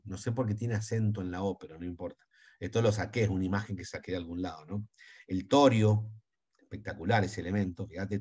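A man with an Argentine accent teaching an online chemistry class over a video call, chatty and enthusiastic, dropping into quiet asides. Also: on the low side, husky. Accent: Argentine Spanish. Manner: chatty, enthusiastic, asides under his breath.

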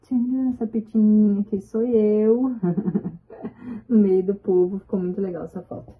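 A woman vlogger chatting excitedly as she shows her photo album, with drawn-out exclamations. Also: medium pitch. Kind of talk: casual chat showing a photo album. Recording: tinny, phone-like sound.

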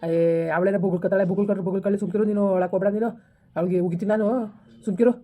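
A woman voices a scolding older village man for a village comedy skit, her mid-range voice steady, warm and close to everyday speech. The character, a boastful failed candidate, trades fast rustic banter while scolding.

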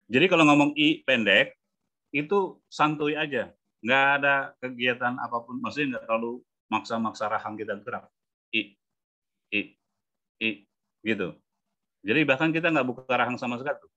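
A man coaching English pronunciation in an online class, explaining patiently and sounding out example words slowly. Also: medium pitch, sharp tone. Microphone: video call. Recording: muffled video-call audio.

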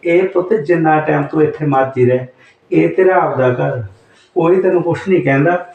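A man plays a sick old father with a gravelly, slightly high voice, soothing and tender. His voice carries a roomy echo, picked up from a distance. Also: normal speed, phone-quality sound. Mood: comforting. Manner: gentle, comforting. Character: ailing elderly father, tender and reassuring. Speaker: father character. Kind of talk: Punjabi short-film acting.

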